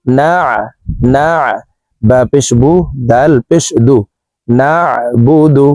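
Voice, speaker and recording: Slow, dark-voiced male recitation teacher. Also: medium pitch, steady tone, no echo. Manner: spells out syllables, then chants words slowly. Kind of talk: letter-by-letter recitation lesson.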